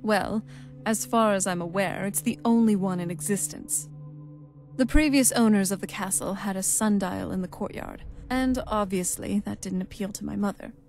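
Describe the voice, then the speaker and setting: With soft background music behind her, a woman voices a wistful, young-looking vampire noblewoman in a video game, her mid-range voice a little mellow at normal speed. The delivery is lightly acted and conversational, with a reflective mood.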